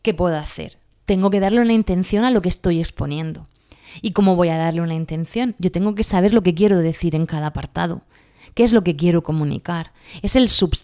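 A woman's voice: lowish voice, darkish tone. A woman with a Spanish accent from Spain, giving a casual spoken lesson with exam advice. She is chatty, laughs at herself and keeps asking her listeners if they follow. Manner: chatty, laughs at herself, asks "¿vale?" often.

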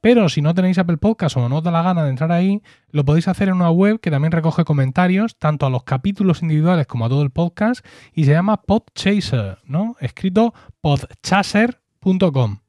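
A man's voice: on the high side, lively intonation, fast talker, mellow, no room sound. A man from co-hosting a podcast in casual chat, jokey and chatty, often restarting his words. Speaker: podcast co-host.

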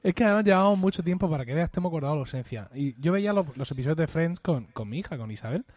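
A man's voice: a little high, lively intonation, rapid-fire, darkish tone, no echo. A man co-hosting a casual podcast chat, talking in an enthusiastic, chatty way and laughing often. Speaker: podcast co-host.

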